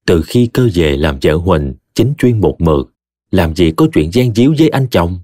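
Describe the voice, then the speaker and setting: Husky, lively male storyteller. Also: lowish voice, dry recording, studio quality. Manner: expressive, dramatic. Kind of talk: audiobook story narration.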